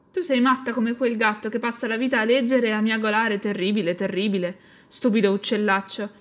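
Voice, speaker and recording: A woman's voice: a little high, close to an everyday voice. A woman voicing a mean female chimpanzee who screeches and mocks. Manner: screeching, mocking.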